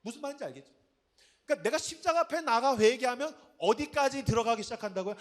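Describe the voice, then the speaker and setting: A man's voice: extremely high pitch, expressive, fast. A man preaching an evening sermon to young adults. He talks in an emphatic, conversational way and keeps asking the audience questions. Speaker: pastor.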